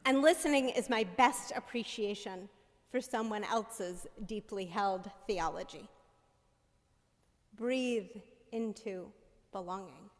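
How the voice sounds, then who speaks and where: Preaching into a pulpit mic in a church sanctuary, a woman minister speaks at medium pitch in a measured, conversational manner. She frequently turns to the congregation with "right?" Long church-hall reverb fills the recording.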